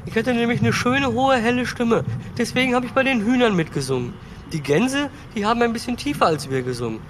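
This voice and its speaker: A man's voice: very high-pitched, lively intonation, brisk, fairly bright tone, slight background noise. An actor voicing a cheerful young male foal who talks in casual slang in a children's audio drama. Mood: eager.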